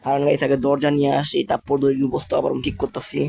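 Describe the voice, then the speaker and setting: A young man, still a school student, commenting casually on his Minecraft build in a halting, stammering way, speaking slowly on purpose. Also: mid-range voice, monotone, vocal fry, a little mellow, breathy edge. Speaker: gaming channel host.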